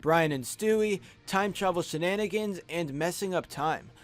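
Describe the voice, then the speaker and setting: As a video host, a young adult man delivers scripted top-five countdown commentary in a high voice at normal speed. He speaks close to a USB studio microphone while faint music plays behind.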